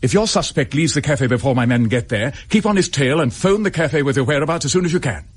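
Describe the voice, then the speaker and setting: For a radio drama, a dutiful English chief inspector speaks in a husky voice whose pitch moves freely. He talks fast and expressively yet clipped and businesslike, brisk and urgent with a frustrated edge of duty.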